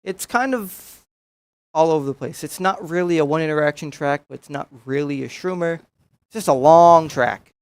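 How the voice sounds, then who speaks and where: A young man doing play-by-play for a college esports match, steady and matter-of-fact. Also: fairly high pitch, moderate pace, clear, resonant tone, no echo. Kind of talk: casual esports commentary.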